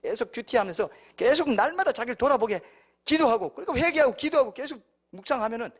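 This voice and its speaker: A man's voice: extremely high pitch, lively intonation, fast talker, breathy edge. A middle-aged man preaching a sermon as pastor, asking the congregation questions and acting out quoted voices.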